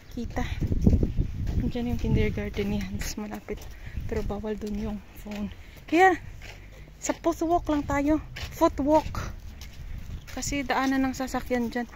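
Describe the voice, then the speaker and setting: Woman vlogger talking on the move, high-ish voice, street noise in the background. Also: measured pace, long pauses. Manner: chatty, mixing English into her talk. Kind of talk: casual walking vlog. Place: outdoors on a street. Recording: noisy outdoor street sound.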